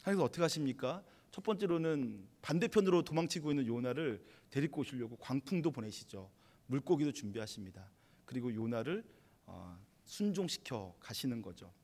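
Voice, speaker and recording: A man's voice: medium pitch, a little fast. A male pastor preaching a midweek sermon in a conversational, storytelling manner. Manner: conversational storytelling, animated retelling.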